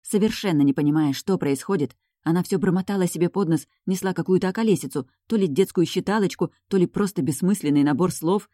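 A woman reading an audiobook in a calm, measured narrating voice. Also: lowish voice, dry recording, studio quality. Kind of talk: scripted narration.

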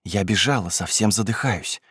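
A man voicing a playful, quiet young girl in an audiobook, speaking softly. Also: on the low side, moderate pace, breathy edge, dry recording, clean studio sound.

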